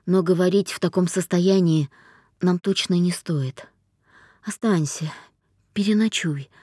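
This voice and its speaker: A woman voicing a weary middle-aged mother speaking softly and carefully to her daughter, in an audiobook. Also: lowish voice, measured pace, slightly rough, no echo, studio quality. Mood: soothing. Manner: soft, careful, hesitant.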